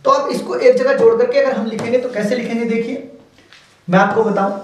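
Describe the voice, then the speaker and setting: A man with a high voice teaches shorthand, repeating and slowly stretching out example words. He sits some way from the microphone, and the room rings with strong echo. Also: a little hiss or hum. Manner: slow, repetitive, drawn-out word demonstrations. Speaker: stenography teacher. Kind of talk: explaining steno outlines. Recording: echoey room, far from mic.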